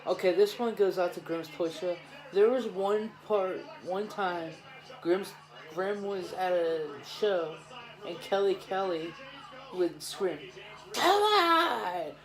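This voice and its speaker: A laid-back speaker trades quick quips in a casual reaction chat, at an ordinary middle pitch. A crowd roars clearly in the background. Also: steady tone, poor audio.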